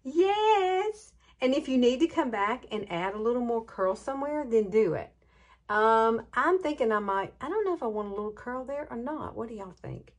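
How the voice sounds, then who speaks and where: A brisk, expressive woman with a fairly high voice, in her late fifties and from Alabama, talks through a hair tutorial in a Southern accent. This beauty vlogger gushes in a folksy, chatty way, drawling and laughing as she goes.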